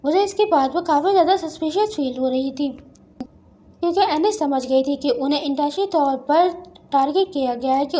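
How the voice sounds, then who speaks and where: A woman narrating a comic story recap in an even storytelling read, quoting the characters without putting on voices. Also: high voice, a little hiss or hum.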